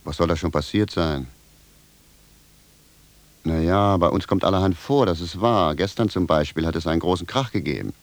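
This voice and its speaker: A gruff, bewildered peasant shoemaker. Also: male voice, low voice, moderate pace, pauses often, no room sound. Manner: gruff, plain-spoken, indignant. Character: blunt, bewildered peasant shoemaker, newly revived. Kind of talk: 1970s radio drama acting.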